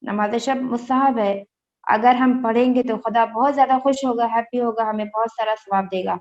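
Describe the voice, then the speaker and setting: A woman from India teaching Quran recitation. She spells each word slowly, syllable by syllable, and then recites the whole verse. She quizzes her students patiently and mixes English words into her explanations. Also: on the high side, fairly even intonation, darkish tone. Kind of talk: Quran recitation lesson, spelling out letters and vowels. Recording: muffled lo-fi audio.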